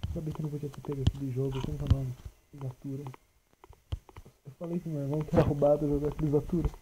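A man's voice: a little high, level tone, very fast, background noise. A teenage boy with a Brazilian accent commentating a horror game, nervous and joking, yelping at scares and talking back to the monsters. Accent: Brazilian Portuguese. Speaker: gaming channel host. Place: at home.

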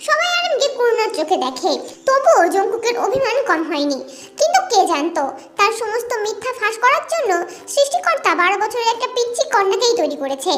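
A woman storyteller giving an expressive, dramatic scripted reading of a romantic story, with music under her voice. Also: very high voice, a little fast, background noise.

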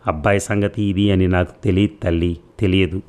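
A man voicing an elderly mother-in-law who pleads earnestly and calmly, in an audio story. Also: low voice, brisk, lightly acted. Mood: pleading.

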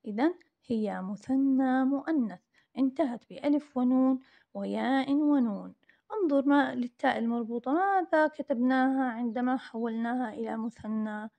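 A woman teacher reviewing grammar for young pupils, drawing words out slowly and praising often in a recorded lesson. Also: sits high, vocal fry, highs cut off. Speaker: primary school teacher.

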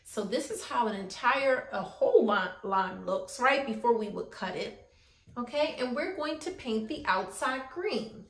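With a fairly high, animated voice and a slightly slow pace, a preschool teacher in her thirties gives instructions during an art lesson for young kids, encouraging them and checking in often with questions. The recording is echoey, made in a small indoor classroom-style room.

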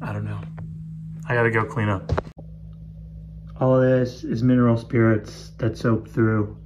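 A man speaks in a casual vlog, rambling and candid about his frustrations. His voice sits at an ordinary middle pitch. A faint hum of noise runs under the recording. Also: level tone, measured pace. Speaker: artist vlogger. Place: outdoors on a city street, then indoors.

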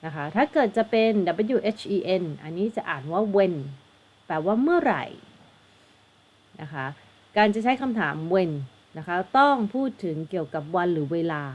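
A woman with a Thai accent tutors English grammar for an exam. She explains slowly and patiently, spelling words out letter by letter and ending her phrases with polite particles. Her voice sits at a middle pitch. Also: big pitch swings. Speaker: English teacher.

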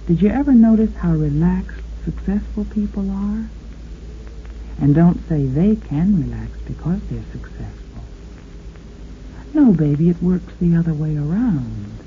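A woman's voice: deep voice, a little hiss or hum, exaggerated voice. An American woman playing an affectionate, lonesome radio sweetheart, coaxing her man in an intimate 1950s monologue. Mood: tender, soothing. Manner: slow, intimate, coaxing, crooning endearments. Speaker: radio host and companion. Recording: muffled 1950s radio recording, organ music. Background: organ music.

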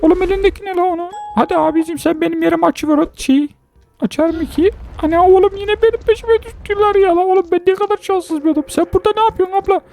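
A woman hosting a let's-play game commentary, excitable and joking, with constant exclamations and banter aimed at her viewers. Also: very high voice, fast talker, soft background music. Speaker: gaming channel host.

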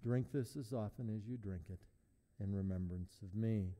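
A man serving as pastor, leading a sermon and communion in a measured, prayerful cadence, his voice ringing with a long echo in a large church. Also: fairly low pitch, mellow. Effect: long echoing church reverb. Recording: long reverb in a large hall.

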